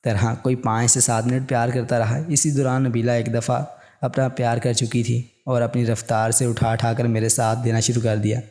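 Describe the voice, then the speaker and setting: A man reads a story aloud in a calm, even way. His voice is mellow and warm, sitting at an ordinary male pitch. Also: soft background music. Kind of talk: scripted narration of a story.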